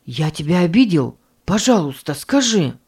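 A woman voicing an earnest, loyal boy who pleads softly and sincerely. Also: lowish voice, big pitch swings, moderate pace, breathy edge, far from the mic. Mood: pleading.

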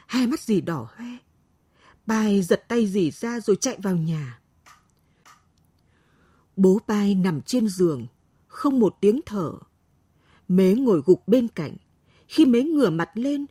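A woman reading a story aloud in a slow, expressive storyteller's manner. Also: medium pitch, breathy edge, no echo. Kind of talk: scripted narration.

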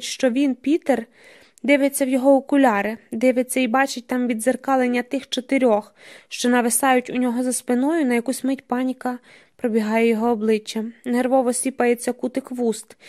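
A woman narrating an audiobook in a measured, even storytelling manner. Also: a little high.

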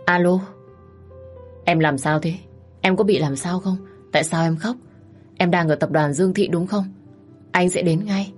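An anxious, devoted young man pours out urgent, pleading questions to the woman he loves, as a female storyteller gives him a voice. The tone stays low and close to the reader's own, with soft music faintly underneath. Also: moderate pace, long pauses, slightly rough. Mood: worried. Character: young man, devoted worried boyfriend, company director.

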